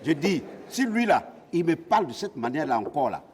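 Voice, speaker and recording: Blustering man, high lively voice. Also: brisk, a little hiss or hum. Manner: blustering, threatening, laughs while talking. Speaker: comic parliament member under accusation. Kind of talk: sketch comedy. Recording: long reverb of a stage hall.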